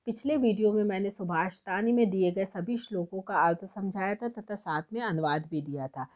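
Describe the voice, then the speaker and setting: Woman, tutor, patient, step-by-step explanation, slows for quoted verses. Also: mid-range voice, darkish tone. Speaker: Sanskrit tutor. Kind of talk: explaining textbook exercises.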